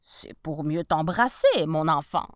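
A woman voicing a sly, hungry big bad wolf in a storybook reading, drawing out her lines slowly and menacingly. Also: low voice, expressive, clear, resonant tone, no room sound, clean studio sound, pitched below the performer's own voice.

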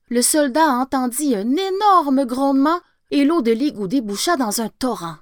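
A woman's voice: fairly high pitch, no room sound, clean studio sound. A woman reading a fairy tale aloud expressively, sometimes dropping to a whisper. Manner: expressive, slowing and whispering for effect. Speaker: storyteller. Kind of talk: storybook read-aloud.

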